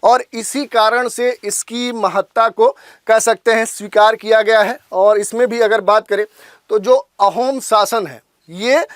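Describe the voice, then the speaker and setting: Steady exam-prep lecturer, dry sound. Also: medium pitch, no room sound. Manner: steady and repetitive, often restating points with filler phrases. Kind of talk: explanatory lecture.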